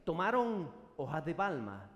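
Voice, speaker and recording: A man preaching a sermon to his congregation, his voice a little on the high side. Now and then he rises into loud shouted acclamations. The sound rings through a roomy hall with a long, lingering reverb. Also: sing-song, unhurried. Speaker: pastor.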